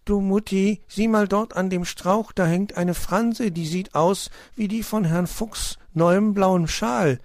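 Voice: low voice, normal speed, a little mellow, breathy edge, dry recording. A man voicing a small, boastful and sulky boy hedgehog who whines eagerly. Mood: eager, whiny. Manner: whiny, eager.

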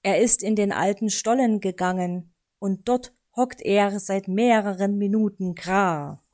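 Woman playing a strict, croaking raven. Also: medium pitch, fairly even intonation, a little slow, dark tone, close to an everyday voice. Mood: formal. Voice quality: croaks a "gra" at line ends. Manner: stiff and formal. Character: pompous male raven, strict and fussy.

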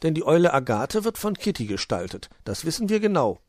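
A man's voice: fairly high pitch, big pitch swings, a little fast, a little mellow, no echo, studio quality, voice pushed up. A man voicing a skeptical, demanding young female gnome in a storybook reading. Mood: critical. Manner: critical, demanding.

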